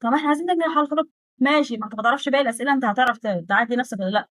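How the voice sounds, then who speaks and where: Egyptian woman in her twenties, quick and chatty language teacher, rather high voice, dry close sound. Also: no echo. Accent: Egyptian Arabic. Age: 20s. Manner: lively, quick, chatty and direct, slows right down to spell out German phrases. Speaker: German teacher. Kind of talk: casual Egyptian Arabic lesson.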